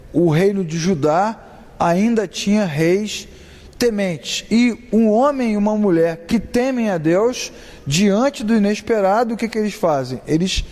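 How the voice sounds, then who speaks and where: A man leads a Bible class, speaking in a rather high voice and keeping it conversational by quizzing his students. His talk rings out with a long reverb, as in a classroom or church hall. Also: a little mellow. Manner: conversational, asks the class questions, acts out examples. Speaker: Bible study teacher.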